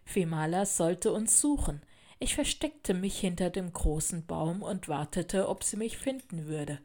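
A woman narrating a children's storybook in a clear, even storytelling manner. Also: lowish voice, a little slow.

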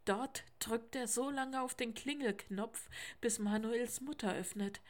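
A woman narrating a children's story in a lively, expressive reading style. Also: a little high, a little slow.

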